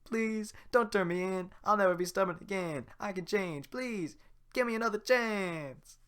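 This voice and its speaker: A man's voice: moderate pace, a bit bright, clear, resonant tone. A man voicing a frantic talking male donkey who begs not to be handed over. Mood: pleading. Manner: begging, high and pleading.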